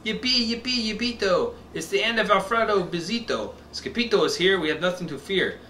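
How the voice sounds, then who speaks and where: Dad doing excited chihuahua gang, sing-song rhyme for a toddler's storybook, bright, echoey. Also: male voice, high-pitched, fairly quick, distant mic, pitched above the performer's own voice. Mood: gleeful. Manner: sing-song, rhythmic chanting. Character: excitable singing pack of chihuahua bandits. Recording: echoey room, faint noise.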